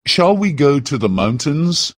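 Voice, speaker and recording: A man reading short translations for learners in a plain, even way. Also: on the high side, slow pace, no room sound, clean studio sound. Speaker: translation reader.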